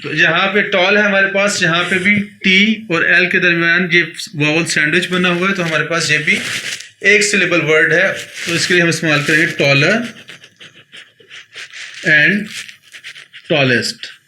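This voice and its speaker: A man's voice: sits high, fairly even intonation, a little slow, pauses often, sharp tone. A man with a Pakistani Urdu accent teaching an English grammar lesson, patiently repeating points and checking that his students follow. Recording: echoey room with faint noise.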